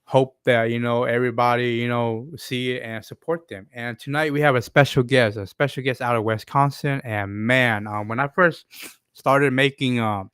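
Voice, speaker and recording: A man from Alaska hosting a casual livestream, talking haltingly with many fillers and restarts. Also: medium pitch, steady tone, fairly bright tone, smooth, dry recording, studio quality. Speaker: livestream host.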